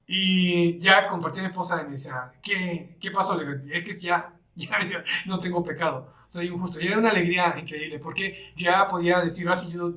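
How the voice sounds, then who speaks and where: A man with a Mexican accent tells his personal testimony and acts out what people said to him along the way. His voice is bright and forceful, a little high for a man. He is recorded from some distance in an echoey room. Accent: Mexican Spanish. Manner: earnest storytelling, acting out dialogue. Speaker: church member giving testimony.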